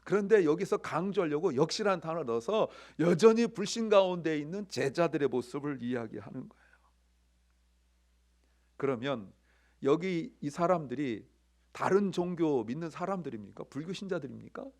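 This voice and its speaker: A Korean-American man preaching a sermon as pastor, swinging between loud, excited bursts and hushed near-whispers while asking his congregation questions. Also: a little high, moderate pace. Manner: conversational, asks the congregation questions.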